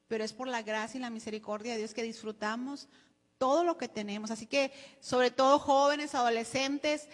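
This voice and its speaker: A woman's voice: high-pitched, a bit bright, long reverb tail. A woman pastor with a Mexican Spanish accent preaching a sermon, often calling out to the congregation as brothers.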